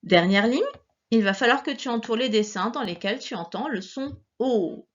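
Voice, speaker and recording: Lady teacher walking a kid through sounds, drags out the words, kinda high voice, bit muffled recording. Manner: slow, careful, stretches out key words and sounds. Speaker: primary school teacher. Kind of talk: recorded phonics lesson for a young child.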